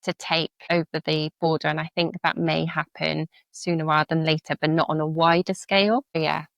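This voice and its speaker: This guest, a woman who is both a veteran and a charity CEO, answers podcast questions earnestly and thoughtfully, with some filler words. Her voice sits low with little pitch movement, fairly quick and gravelly. There's no echo.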